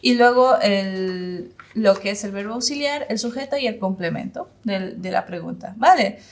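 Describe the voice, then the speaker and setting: A woman giving an informal online English lesson in Spanish. She models English phrases slowly, searches for words and fills her pauses. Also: mid-range voice. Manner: hesitant, searches for words with many fillers. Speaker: English instructor.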